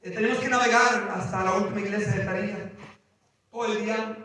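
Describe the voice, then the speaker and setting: A man preaching a sermon as a missionary at a church service, telling a story with passion and rising into shouted exhortation. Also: high-pitched, steady tone, quick pace, a little hiss or hum. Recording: very echoey church hall, mic far off.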